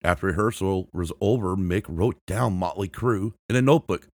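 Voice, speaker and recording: A podcast host with a low voice reads music history aloud from a script at normal speed, with no echo. He often stumbles, restarting words and correcting himself, and introduces quotes with "and I quote."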